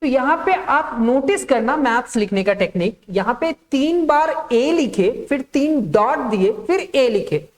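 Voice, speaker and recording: A woman's voice: high voice, expressive, a little slow, hardly any pauses. A woman teaching a maths lesson. She dictates step by step, asks the class questions and answers them herself, and repeats the key terms.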